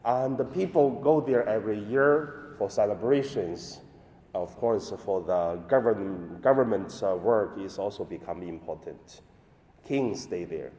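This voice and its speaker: A male priest who is not a native English speaker, reading scripture and preaching in a halting, deliberate way in a large echoing church. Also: lowish voice, warm tone. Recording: echoey hall with long cathedral-like reverb.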